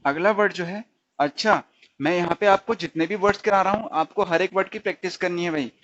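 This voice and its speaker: A man teaching a stenography lesson, asking his students questions and answering them himself, repeating each sound slowly. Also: high voice, fairly bright tone, dry recording, lo-fi sound. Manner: slips into English definitions. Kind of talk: recorded shorthand lesson.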